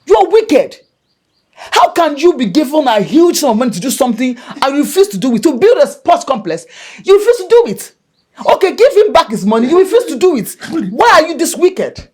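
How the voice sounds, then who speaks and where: A woman's voice: sits high, very animated, fairly quick, a little mellow. An actress playing an indignant, scolding mother in a film drama, with a Nigerian accent and an emphatic, repetitive way of accusing. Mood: angry, accusing. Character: indignant, scolding mother fed up with a selfish man.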